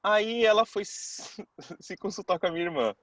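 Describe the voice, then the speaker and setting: A man's voice: high-pitched, normal speed, fairly bright tone, no echo. A man, telling a personal story to a class in a casual, chatty way and acting out the people he quotes. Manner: chatty, keeps saying "cara".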